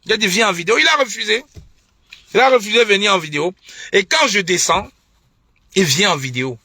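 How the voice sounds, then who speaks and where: Fired-up young guy from cameroon ranting live, bright sharp high voice, dry close sound. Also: expressive, brisk, no room sound. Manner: indignant, repetitive, mocking laughs. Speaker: online political commentator. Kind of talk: heated live-stream rant.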